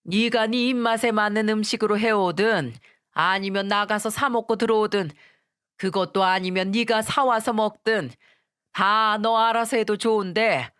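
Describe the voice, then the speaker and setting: A woman's voice: medium pitch, normal speed, fairly bright tone, clear, resonant tone, lightly acted. A woman voicing a stern middle-aged father who lectures his family bluntly, in a scripted story reading.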